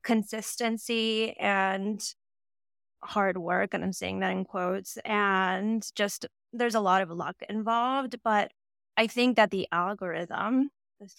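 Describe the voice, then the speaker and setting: A woman of thirty with vocal fry, chatting candidly and with self-deprecation as a guest in a casual podcast interview. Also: mid-range voice, steady tone, takes it slowly, fairly bright tone, dry recording, clean studio sound. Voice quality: distinctive voice. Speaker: guest, social media content creator.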